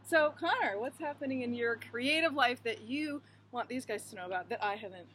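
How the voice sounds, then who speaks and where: A woman's voice: on the high side, fairly quick, fairly bright tone, a little hiss or hum. A woman hosting a casual interview, bubbly and enthusiastic. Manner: bubbly, enthusiastic, laughs often. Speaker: host.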